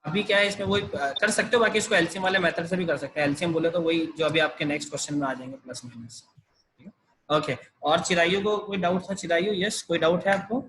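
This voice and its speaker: A man's voice: a little high, fast talker, fairly bright tone, a little hiss or hum, poor audio. A man teaching a math class over a video call, explaining each step patiently. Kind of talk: online math lesson.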